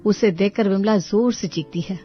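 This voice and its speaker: A woman telling a scripted cartoon story in an even, steady voice of middle pitch. The audio is dull and lo-fi, with background music playing softly underneath. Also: moderate pace, breathy edge. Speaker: narrator.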